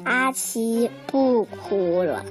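A woman reading a children's story aloud in a gentle, expressive storytelling manner, over children's music. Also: a little high, very slow.

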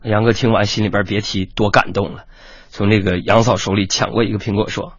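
A man's voice: lowish voice, flat delivery, fairly quick, slightly rough, no echo, lo-fi sound. A man hosting a radio comedy show, telling jokes, acting out the quoted voices and often laughing.

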